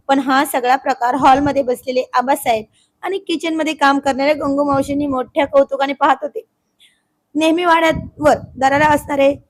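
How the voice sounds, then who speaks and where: Woman storyteller, scripted narration, expressive, high voice.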